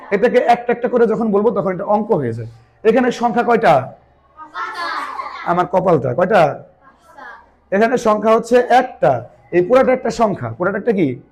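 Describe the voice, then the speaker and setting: High-voiced man teaching a math class. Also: slight background noise. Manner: asks pupils repeated questions, answers himself; chiding, teasing asides.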